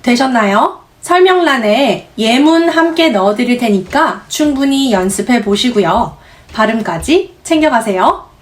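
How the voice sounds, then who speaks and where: Slow, friendly woman teaching pronunciation. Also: on the high side, expressive. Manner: slow, drawn-out model words, repeated for practice; friendly, coaxing questions to the learner. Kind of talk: pronunciation lesson.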